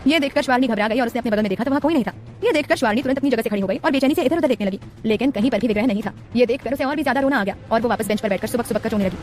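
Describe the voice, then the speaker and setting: A woman narrating a romance audiobook in a rapid, dramatic storytelling manner. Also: fairly high pitch, darkish tone.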